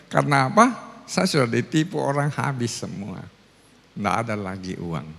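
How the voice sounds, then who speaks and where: A man's voice: medium pitch, normal speed, vocal fry. A man, a pastor, telling his own testimony in a sermon, acting out the people in his story. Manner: storytelling, animated, acts out other voices. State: ill with cancer. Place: large church venue. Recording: long hall reverb.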